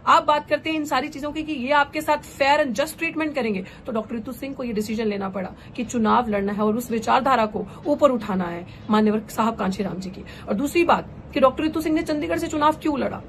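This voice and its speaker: Young woman candidate, rousing and fervent, slightly high pitch, code-switching speech. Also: a little hiss or hum. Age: young adult. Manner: fervent, rousing, mixes English phrases into Hindi. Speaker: political candidate and activist. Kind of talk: impassioned political speech.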